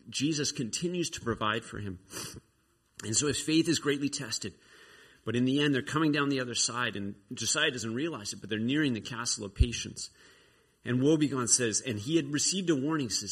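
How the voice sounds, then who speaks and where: A male preacher retelling a story in a sermon, animated, with frequent restarts. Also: medium pitch, breathy edge.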